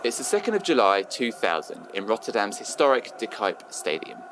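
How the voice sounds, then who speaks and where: Low-voiced man narrating a sports story. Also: very animated, moderate pace, a crowd in the background, noisy background. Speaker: radio presenter. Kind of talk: scripted narration.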